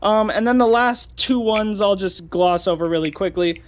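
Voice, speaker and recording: A man's voice: sits high, normal speed, slight background noise. A young man hosting his own channel, ranting casually with sarcasm and lots of ums and uhs. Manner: ranting, sarcastic, many fillers. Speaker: channel host. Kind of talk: casual commentary vlog.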